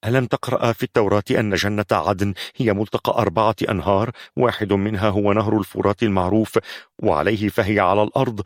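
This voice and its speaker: A man's voice: on the low side, fairly even intonation, fast, no room sound, clean studio sound, natural voice. A man voicing an anxious young captive who stammers as he explains. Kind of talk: audiobook narration.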